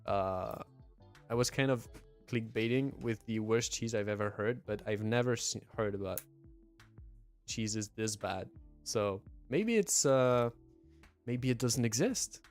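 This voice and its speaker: Over soft background music, a young man with a French accent, originally from southwest France, reads chat aloud and chats casually on his livestream. His voice is mid-range at a measured pace, and his speech is hesitant, full of fillers and restarts.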